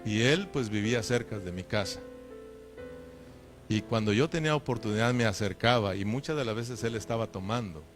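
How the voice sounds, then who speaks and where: Emphatic pastor preaching over music. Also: male voice, lowish voice, normal speed. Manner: emphatic, keeps addressing listeners as brother, asks rhetorical questions. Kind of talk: sermon. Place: church.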